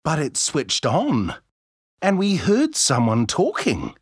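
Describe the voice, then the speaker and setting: A man voicing an excitable young boy playing secret agent, talking eagerly. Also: a little high, slow pace, breathy edge, no room sound, clean studio sound, pitched above the performer's own voice, heavily acted.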